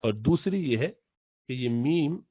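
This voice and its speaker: Male tajweed teacher, repeats letter sounds, drawn-out chanted recitation, tinny phone-like sound, dry. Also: mid-range voice, lively intonation, no room sound. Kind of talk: tajweed lesson in Urdu.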